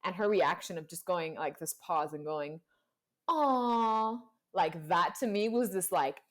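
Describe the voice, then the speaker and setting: A woman's voice: on the low side, normal speed. A young woman guest in a casual chat, telling a personal story full of "like" fillers and acted-out quotes. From Panama and Colombia. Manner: storytelling, acts out quoted voices, many "like" fillers.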